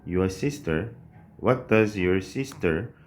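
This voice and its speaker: A man with a deep voice teaches a recorded grammar lesson. He talks slowly and patiently, leads his students through each sentence one step at a time, and reads English examples out word by word. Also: animated. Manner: patient, explains step by step, asks and answers his own questions.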